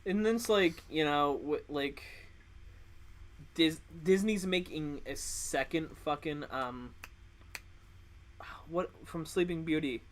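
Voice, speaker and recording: A man's voice: fairly high pitch, slow, pauses often, a little hiss or hum. A young adult man co-hosting a podcast, laid-back and agreeable, swearing casually while chatting with friends. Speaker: podcast co-host. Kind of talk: casual chat among friends.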